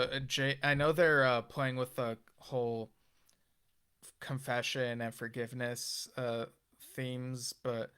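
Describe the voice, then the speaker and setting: A man hosting his own channel, giving a casual spoken review of a TV episode and thinking aloud with many pauses, fillers and restarts. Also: medium pitch, fairly bright tone, smooth.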